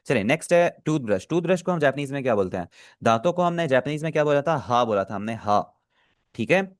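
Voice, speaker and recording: A man's voice: mid-range voice, lively intonation, fast talker, no room sound, studio quality. A man teaching an online language lesson, patiently explaining vocabulary, posing questions to his students and answering them himself, often repeating himself to check they follow. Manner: patient, repeats and checks understanding with filler phrases; asks the class questions then answers them.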